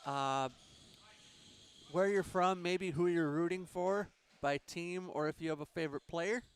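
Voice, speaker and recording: A man calling play-by-play at a handball game in a measured, steady way. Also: sits high, clean tone. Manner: measured, calls the action. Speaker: play-by-play commentator. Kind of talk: sports play-by-play.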